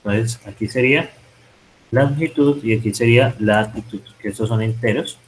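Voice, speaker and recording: A man's voice: mid-range voice, normal speed, slight background noise, poor audio. A man teaching programming, thinking aloud and correcting himself as he types code in a screen-recorded lesson. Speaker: programming instructor. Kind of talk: live-coding tutorial.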